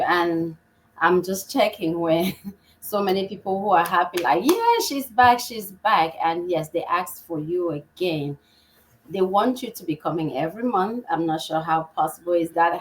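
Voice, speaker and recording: A woman's voice: lowish voice, moderate pace, rough recording. A woman hosting a live podcast, upbeat and welcoming, now and then restarting her words. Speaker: podcast host.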